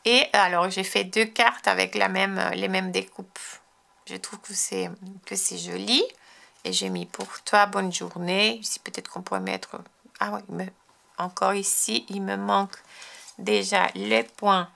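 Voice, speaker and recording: A woman's voice: medium pitch, measured pace, creaky, bright, forceful tone. A French woman hosting a crafting tutorial, chatting casually and enthusiastically as she shows her cards. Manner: chatty, enthusiastic, frequent restarts and fillers. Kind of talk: casual show-and-tell tutorial.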